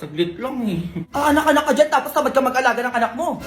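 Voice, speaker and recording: High-voiced woman scolding in a roomy skit. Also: expressive, racing. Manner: switches between scolding mother and sulky child voices. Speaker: comedy skit creator. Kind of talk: comedic family sketch acting. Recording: roomy echo with background music.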